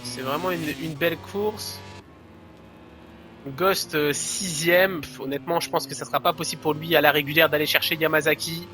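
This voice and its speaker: A man's voice: a little high, steady tone, moderate pace, pushed and bright, soft background music. A man giving live play-by-play as a motorsport commentator on a motorcycle racing game.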